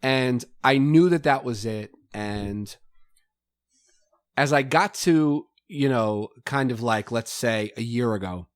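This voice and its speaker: A man's voice: medium pitch, slow pace, no room sound. Man, podcast guest, rambling storyteller, lots of fillers, mid-range voice, dry close sound. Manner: rambling, filler-heavy storytelling with frequent laughs. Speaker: podcast guest, rapper and author. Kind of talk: casual conversation.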